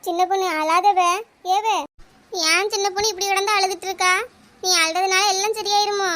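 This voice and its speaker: A very high, piercing cartoon voice of a bossy village girl, played by a woman, with a Kanyakumari Tamil accent. The tone is bright and sharp, and she scolds and teases in quick bursts. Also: steady tone. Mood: coaxing. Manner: scolding, teasing, brisk. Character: shrill, bossy, teasing female village friend. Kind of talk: cartoon voice acting.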